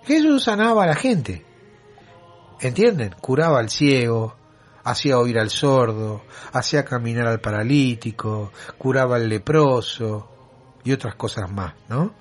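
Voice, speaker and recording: Soft music plays beneath this expressive, medium-pitched male voice, which moves at a measured pace. Speaking with a Rioplatense Spanish accent, the show host narrates a story straight to listeners, often throwing them rhetorical questions.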